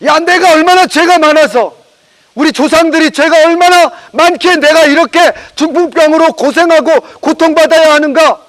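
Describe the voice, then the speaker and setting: Man doing a paralyzed man, desperate, begging, urgent, very high voice. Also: moderate pace, fairly bright tone. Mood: anguished.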